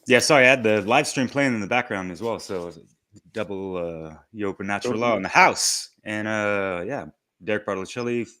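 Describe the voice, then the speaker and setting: Laid-back American man, slightly low voice. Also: a little fast, sharp tone. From San Francisco Bay Area, USA. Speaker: guest. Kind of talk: casual chat.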